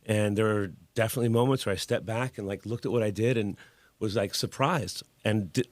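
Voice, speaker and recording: This man in his forties, appearing as a guest artist, recounts his story in a relaxed, candid way with casual cursing during a casual interview. He speaks a little fast in a lowish voice, with no room sound.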